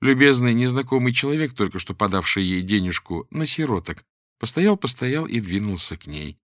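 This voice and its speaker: A man reading an audiobook aloud in an expressive storytelling manner. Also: mid-range voice, moderate pace, no echo, clean studio sound. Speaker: audiobook narrator. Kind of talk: scripted narration.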